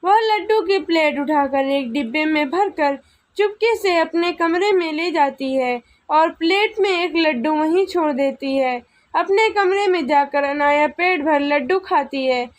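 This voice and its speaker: A woman's voice: high voice, measured pace. A woman narrating a family storybook tale in a scripted storytelling manner.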